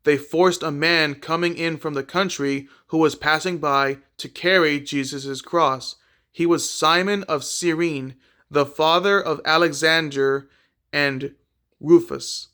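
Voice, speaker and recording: Man reading scripture aloud, slightly high. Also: pushed and bright. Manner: plain, unhurried reading with small slips and repeats. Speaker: scripture reader.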